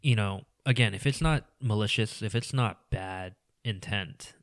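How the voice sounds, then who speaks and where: A man's voice: fairly low pitch, unhurried, a bit bright, dry recording, studio quality. A man talking as a guest on a casual podcast, rambling with many "you know"s and trailing into mumbles.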